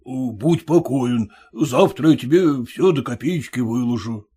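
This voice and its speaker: A man's voice: medium pitch, measured pace, warm tone, husky. A man doing a coaxing, evasive old merchant. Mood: placating. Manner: soothing, coaxing. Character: older male merchant, placating, evasive father-in-law.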